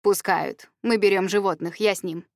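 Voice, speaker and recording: A woman's voice: medium pitch, fairly even intonation, moderate pace, gravelly, darkish tone, no room sound, clean studio sound, close to an everyday voice. A woman voicing a firm, commanding woman who gives short orders, in a memoir reading.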